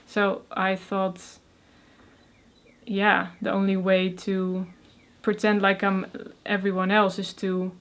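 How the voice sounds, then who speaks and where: Her delivery is completely flat and slow, at a medium pitch. She's a young woman from the Netherlands with a Dutch accent, a soft-spoken interview guest in a casual conversation who stutters on initial sounds, fills her speech with fillers and laughs often.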